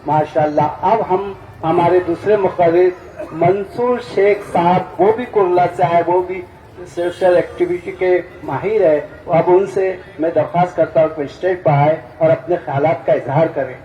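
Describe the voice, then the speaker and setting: A man's voice: high voice, unhurried, lo-fi sound. A man acting as stage announcer, formally and courteously introducing the next speaker at a protest. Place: protest gathering. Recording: distant, echoey PA sound.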